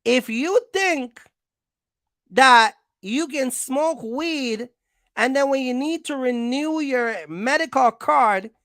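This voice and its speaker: A woman hosts a trucking channel, giving viewers advice in an informal explainer. Her voice is high and expressive, slow and a bit bright, recorded dry with studio quality. She talks bluntly and emphatically in slangy, colloquial language, repeating phrases to drive points home.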